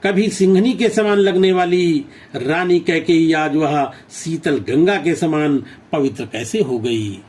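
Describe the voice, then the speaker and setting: A man's voice: a little high, takes it slowly, darkish tone. A male Hindi teacher who reads poetry lines aloud and then explains them step by step, repeating phrases as he goes.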